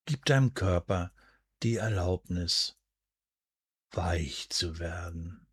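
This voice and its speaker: Very slow, low, breathy hypnosis man. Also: dry recording. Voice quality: breathy, soft, at times near a whisper. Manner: soothing, hushed, deliberate, with drawn-out pauses. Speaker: hypnosis and relaxation guide. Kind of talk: guided sleep hypnosis, scripted narration.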